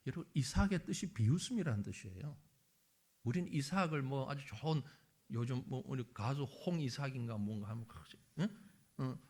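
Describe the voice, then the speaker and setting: A man's voice: medium pitch, fairly quick, breathy edge. A middle-aged man, a pastor preaching a Sunday sermon in a church and acting out the dialogue of scripture scenes. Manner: animated preaching, acts out dialogue between God and Abraham. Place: church sanctuary.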